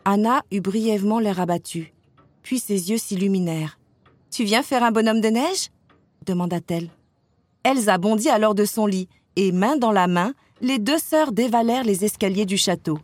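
A woman narrating a children's storybook at a calm, measured pace. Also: medium pitch, no room sound. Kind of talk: storybook read-aloud.

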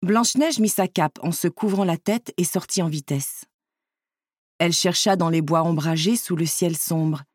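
A woman reading a children's storybook aloud in an expressive, lively narrating voice. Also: on the low side, normal speed, no room sound, clean studio sound.

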